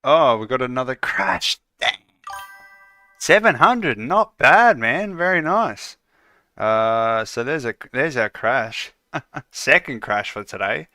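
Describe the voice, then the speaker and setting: An Australian man chatting casually with viewers while building his game on a livestream, relaxed and full of "uh" fillers. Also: mid-range voice, takes it slowly, no echo, soft background music. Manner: relaxed, lots of "uh" fillers, calls viewers "mate".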